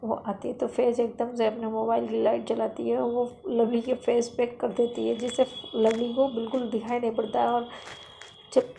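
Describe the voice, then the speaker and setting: A high-voiced woman narrating a romance story. Her telling is soft and low-key, with frequent restarts as she sorts out names. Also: little pitch movement, moderate pace, creaky, a little hiss or hum.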